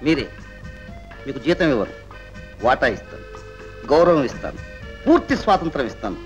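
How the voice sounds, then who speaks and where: An actor playing a smooth-talking, scheming middle-aged landlord in a 1960s film, measured and persuasive. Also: male voice, medium pitch, sing-song, dull audio, lightly acted. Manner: measured, persuasive, rising to proud anger. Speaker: zamindar. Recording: old film soundtrack with faint music.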